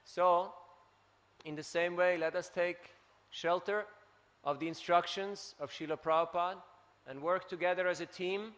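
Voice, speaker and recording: A man from Switzerland giving a scripture class, telling stories in an animated way and tagging his points with "huh?". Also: high voice, normal speed, long reverb tail. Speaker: preacher. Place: temple hall.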